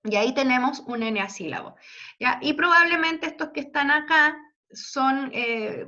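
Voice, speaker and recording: A woman lectures on verse, counting syllables aloud and checking in with her students. Her voice sits high and sounds bright. The audio is dull and lo-fi, like a recorded online class. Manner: explanatory, counts syllables aloud, frequent tag questions. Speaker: literature teacher.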